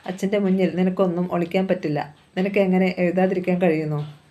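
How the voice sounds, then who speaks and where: A woman reading the part of a worried, gentle aging father, using her own soft voice. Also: sits high, level tone, fairly quick, close to an everyday voice.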